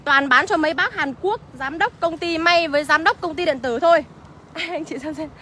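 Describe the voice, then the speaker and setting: A woman's voice: very high voice, fairly quick, pushed and bright, slight background noise. A woman with a Northern Vietnamese accent livestreaming from a used car lot, chattily rattling off car features and prices. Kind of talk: livestream sales pitch.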